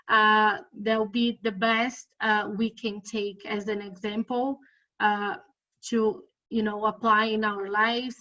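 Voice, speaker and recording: Woman in a study group, slow and unsure, keeps hunting for words, kinda muffled recording. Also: on the high side, fairly bright tone. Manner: hesitant, searching for words, many fillers. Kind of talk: casual spiritual study discussion. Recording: dull lo-fi audio.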